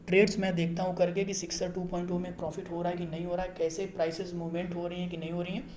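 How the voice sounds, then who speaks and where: A man with a high, somewhat dark voice hosts a casual screen-recorded explainer about a trading app, chatting with viewers and checking often that they're keeping up. The recording is reverberant with a little background noise.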